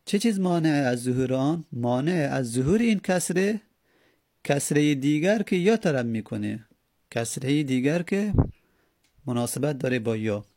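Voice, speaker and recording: A man's voice: medium pitch, animated, darkish tone, no echo, studio quality. A man teaching a grammar lesson, patiently repeating and spelling out each step. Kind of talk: Arabic grammar lesson in Persian.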